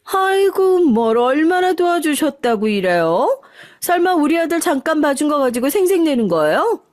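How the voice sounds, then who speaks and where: A woman's voice: high voice, expressive, moderate pace, no echo, studio quality, pitched above the performer's own voice. A woman voicing a brash, rude younger sister-in-law who talks down to everyone in a mocking, dismissive way. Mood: scornful. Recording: faint background music.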